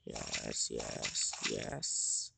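A tired, hoarse woman with a raspy voice, doing excitable let's play commentary with frequent swearing and trash talk. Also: rumbling low, very slow, noisy background. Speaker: new YouTuber playing a shooter game.

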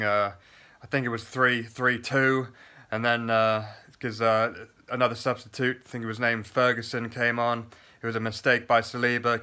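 A man's voice: mid-range voice, clear, resonant tone. A young man vlogging a casual post-match review, chatty with plenty of fillers and restarts, talking into a phone camera at arm's length in a small plain room. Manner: chatty, lots of fillers and restarts, excited play-by-play. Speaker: football fan vlogger.

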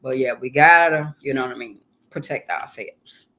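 A woman's voice: extremely low pitch, moderate pace, a bit bright. A woman guest on an interview show, talking casually and earnestly, repeating phrases for emphasis. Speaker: guest, hip hop artist and author.

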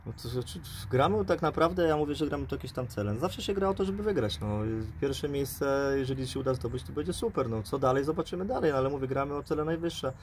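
Brief: forties male coach, pitchside interview, rapid delivery, faint outdoor noise. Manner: fast, repeats "mówię" and "no", hedging. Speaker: football coach and player. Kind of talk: post-match interview. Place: outdoors by a pitch, under a dugout shelter.

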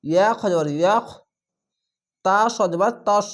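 Man slowly spelling out Quran recitation. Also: high-pitched, fairly even intonation. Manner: slow, drawn-out syllable-by-syllable spelling of Arabic words. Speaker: Quran reading teacher.

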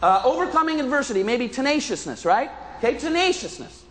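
A middle-aged American motivational speaker gives an interactive keynote from the stage of a large indoor conference hall, projecting emphatically to his audience. His voice is extremely high, very animated, fairly quick and a bit bright, and the recording carries the reverberation of the big hall.

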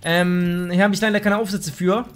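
High-voiced, excitable young gamer guy. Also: moderate pace. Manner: excitable, swearing, often annoyed; slangy, says "Alter" a lot. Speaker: let's play gamer. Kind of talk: live gameplay commentary. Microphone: gaming microphone.

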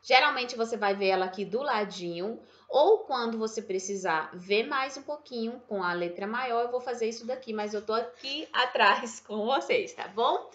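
A woman with a Brazilian Portuguese accent teaching an online English lesson, upbeat, slowing down to model pronunciation. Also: a little high, a bit bright, dull audio. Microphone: webcam or desk mic with screen share.

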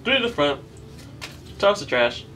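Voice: medium pitch, big pitch swings, moderate pace, bright, forceful tone, recorded from a distance, faint music behind. A YouTube host opening card packs in casual commentary, listing card names one by one and groaning at weak pulls.

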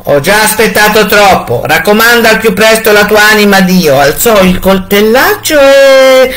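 A woman reading a fairy tale aloud in an expressive, measured way. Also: low-pitched. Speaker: storyteller.

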